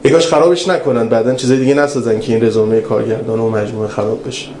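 A man preaching a religious lecture, telling stories in an animated way that swings between raised and hushed passages. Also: medium pitch, slight background noise. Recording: roomy hall with faint ambience.

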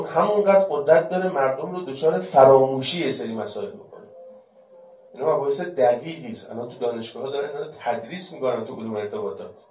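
A man giving a religious lecture, firing rhetorical questions and swinging between loud and hushed delivery. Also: mid-range voice. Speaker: religious speaker. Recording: distant, echoey, dull-sounding.

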